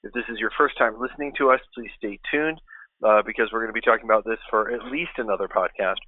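A man's voice: lowish voice, fast talker, narrow, tinny audio, a little hiss or hum. A man co-hosting a podcast in casual chat, hesitant with many fillers and restarts, recorded with fuzzy distortion on a non-professional microphone. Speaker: podcast co-host.

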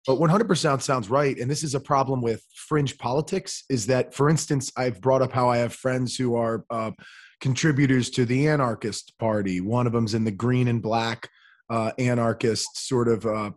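A man co-hosting a casual political podcast speaks in an ordinary mid-range voice. He explains his points in a measured way, with a few fillers along the way. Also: mid-range voice, steady tone. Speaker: podcast co-host.

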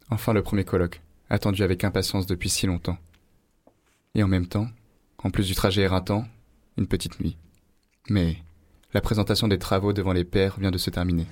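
A man giving calm, scripted narration for a radio program. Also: deep voice, no room sound. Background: music.

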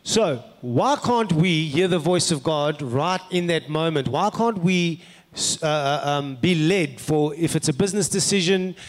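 A male pastor with a broad South African accent delivers a sermon in a fairly high-pitched voice. His manner is conversational and questioning, like someone telling stories to a congregation. The sound carries the long reverb of a hall. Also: a little slow. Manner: conversational, rhetorical questions to the listeners. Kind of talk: sermon with personal anecdotes. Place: large indoor hall, preaching to an audience.

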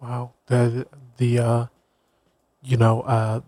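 A man's voice: mid-range voice, completely flat delivery, slow, warm tone, no room sound. A man hosting a community radio interview show, who often stumbles and affirms his guest with short interjections. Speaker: radio host.

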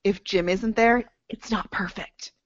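A woman's voice: mid-range voice, fairly even intonation, unhurried, lo-fi sound, lightly acted. A young woman acting a sarcastic, defiant college graduate in an audio drama. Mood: bitter. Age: young adult.

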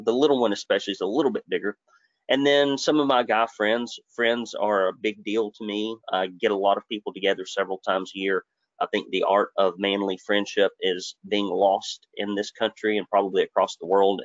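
Man, low voice, folksy joking webinar host, dry dull lo-fi audio. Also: no echo. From Alabama, US. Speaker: webinar presenter. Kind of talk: live webinar presentation.

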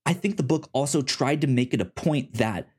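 The young man co-hosting this casual comics discussion podcast has a mid-range, expressive voice with a breathy edge. He stammers through lots of restarts and filler words.

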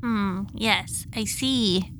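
A woman's voice: medium pitch, extremely slow, fairly bright tone, a little hiss or hum. A woman playing in a tabletop game, joking around in playful banter. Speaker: player.

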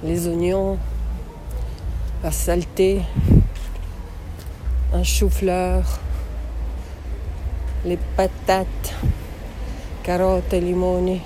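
Slow woman describing a city walk. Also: fairly low pitch, monotone, over music. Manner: slow, observant narration. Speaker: walking participant in a sound art piece. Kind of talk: describing surroundings while walking. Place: outdoors on city streets. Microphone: phone held close to the mouth. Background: street traffic noise.

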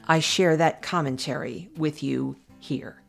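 An older American woman, a podcast commentator, reads her own essay aloud in an earnest, measured way, pressing hard on her key points. Her voice is low and creaky, and soft music plays in the background.

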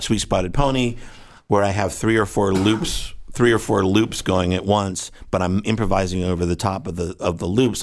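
Very low-voiced man explaining his gear. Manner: rambling, technical, imitates rhythms with syllables. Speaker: guest musician.

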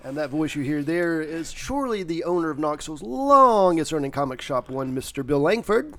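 A man's voice: on the high side, expressive, moderate pace, pushed and bright. A man hosting a podcast in casual chat, playfully hyping up his co-hosts. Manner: playful, hypes up co-hosts in the intro. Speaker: podcast host.

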